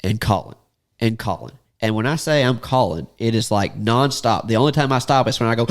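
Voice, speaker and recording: Animated, laughing man telling a hunting story. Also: medium pitch, fairly quick. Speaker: duck hunting guide and podcast host. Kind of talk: casual storytelling chat.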